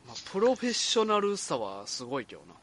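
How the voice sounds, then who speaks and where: A man's voice: sits high, wildly swooping pitch, fast, a bit bright. A man with a Kansai accent, chatting casually as a co-host, laid-back and teasing, with many short agreeing replies. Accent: Kansai Japanese. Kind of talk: casual chat.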